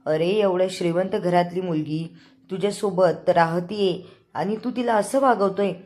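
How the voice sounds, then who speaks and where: A woman's voice: lowish voice, moderate pace, a little mellow, lightly acted. A woman voicing a sister-in-law from a rich family, shocked and scolding about how the young wife is treated. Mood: accusing.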